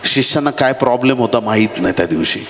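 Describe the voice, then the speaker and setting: Man, church sermon, dramatic preaching, rising shouts, reverberant hall, faint noise. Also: lively intonation, quick pace. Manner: dramatic preaching, shifts from low murmurs to high shouted appeals. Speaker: pastor.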